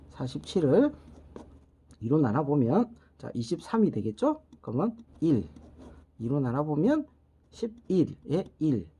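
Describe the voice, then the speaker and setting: A middle-aged man gives a step-by-step math lesson, with a mellow, slightly husky voice. His pitch rises and falls a great deal as he works each calculation aloud. He keeps prompting with short interjections between steps. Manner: patient, repeats "자" and "요렇게" while working steps aloud. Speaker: network technology instructor.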